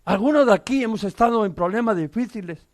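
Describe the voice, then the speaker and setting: High-voiced Spanish pastor preaching earnestly. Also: male voice, lively intonation, quick pace, no room sound. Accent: Peninsular Spanish. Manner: earnest, emphatic preaching with rhetorical questions. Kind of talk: sermon.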